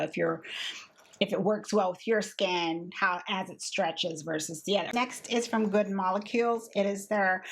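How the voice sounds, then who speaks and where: A woman in her thirties, a beauty vlogger, chatting casually and candidly about products she has used up, with a husky voice. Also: mid-range voice, a bit bright. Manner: chatty, candid, frequent fillers and restarts. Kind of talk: casual product review chat.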